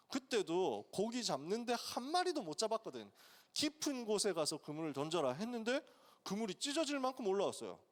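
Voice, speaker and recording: A male pastor giving a sermon to students in a casual, colloquial storytelling way, acting out the dialogue. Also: sits high. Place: church sanctuary. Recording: long hall reverb.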